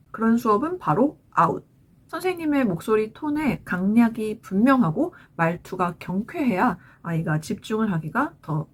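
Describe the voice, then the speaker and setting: Korean mom vlogger in her 40s, chatty advice voice, bouncy and pretty high. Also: husky. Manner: lively, chatty, parental advice tone. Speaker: parent vlogger. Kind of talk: scripted talk to camera.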